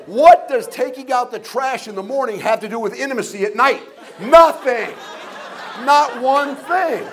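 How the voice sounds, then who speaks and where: High-voiced man giving a humorous motivational talk. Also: moderate pace, a bit bright, some chatter behind, a little hiss or hum. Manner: humorous storytelling with jokes and acted-out voices; asks the audience rhetorical questions. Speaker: guest speaker.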